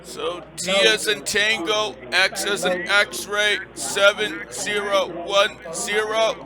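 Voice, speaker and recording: A man's voice: sits high, little pitch movement, a crowd in the background. A man playing a frail eighty-eight-year-old man on a prank phone call, stretching every word out. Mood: cooperative. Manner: stretches his words slowly. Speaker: scam baiter. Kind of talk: prank call role-play.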